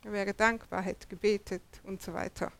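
A woman's voice: medium pitch, fairly even intonation, moderate pace, gravelly, fairly bright tone. A woman preaching a sermon, asking rhetorical questions and repeating words for emphasis.

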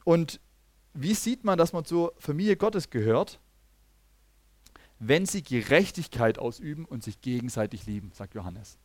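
Lively man preaching, higher voice. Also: moderate pace, dry recording. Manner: lively, often checks in with listeners by asking "ja?"; restarts sentences and acts out quoted speakers. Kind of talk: teaching sermon.

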